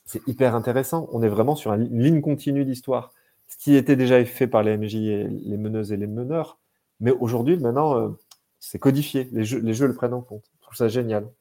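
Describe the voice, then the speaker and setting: A man in relaxed conversation, describing games with plain enthusiasm. His voice is mellow and warm, pitched in an ordinary middle range. He stumbles, repeats words and restarts sentences as he goes. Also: a little fast. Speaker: game designer and translator. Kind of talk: casual chat.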